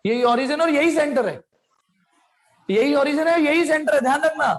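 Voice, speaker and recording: A man's voice: very high voice, normal speed, rough recording. A man teaching physics in a live online class, quizzing his students, calling them child and adding playful sound effects.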